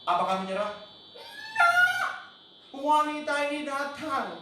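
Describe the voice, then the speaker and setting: A man preaching a sermon as pastor, emphatic, tossing in English words and sometimes shouting out quoted cries. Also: high-pitched, expressive, normal speed. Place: church hall. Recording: very echoey church hall, mic at a distance, faint noise.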